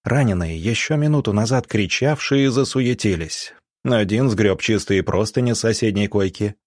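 A male audiobook narrator tells the story in a tense, measured way. His low voice has a husky grain. It is recorded close and dry, with no room sound. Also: no room sound.

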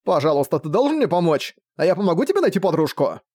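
A man's voice: high-pitched, sing-song, quick pace, a little mellow, no echo, voice pushed up. A pushy young man pleads and wheedles in a whiny, raised voice, as a male storyteller puts him on. He sounds like an audiobook character, read in a dry, close setting. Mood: wheedling.

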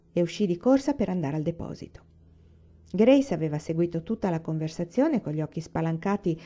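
A woman reading a children's novel aloud as narrator, even and clear. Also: on the low side, highs cut off. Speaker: reader.

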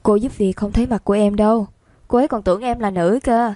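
A woman voicing a doting middle-aged rich man who coaxes and pleads softly. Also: medium pitch, steady tone, fast talker, dry recording, natural voice. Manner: coaxing, pleading.

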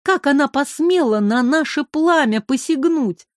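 A woman's voice: sits high, lively intonation, measured pace, dry recording, studio quality, voice pushed up. A woman doing a boastful, roaring fire spirit. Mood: gleeful. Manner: roaring, gleeful.

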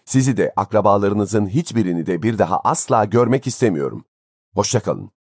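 A man's voice: fairly low pitch, lively intonation, a little fast, darkish tone, husky, no echo, studio quality. A man voicing a stern, indignant older family doctor who speaks in a cutting way.

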